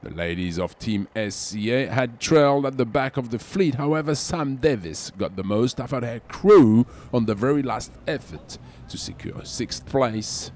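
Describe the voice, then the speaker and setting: A man with a French accent, reading scripted sailing news as the show's presenter in a measured, dramatic voice-over. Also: mid-range voice, a little mellow. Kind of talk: scripted sports news narration.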